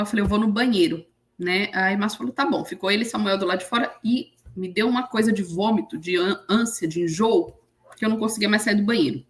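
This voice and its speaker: Woman telling a moving story. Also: mid-range voice. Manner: animated retelling with acted quotes. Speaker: interview guest. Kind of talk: emotional storytelling.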